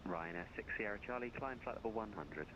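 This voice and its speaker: A man's voice: lowish voice, lively intonation. A man working as an air traffic controller, giving clipped radio instructions while his mic keeps cutting out, so his volume comes and goes. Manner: brisk, routine, fumbles briefly when searching. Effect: mic keeps cutting out, uneven volume. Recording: lo-fi noisy radio line.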